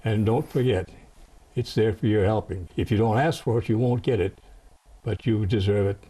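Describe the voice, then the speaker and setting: An older American man hosts and produces a veterans interview show on television, speaking in a lowish, mellow, slightly rough voice at a moderate pace. His style is folksy and encouraging, blending formal phrasing with slang.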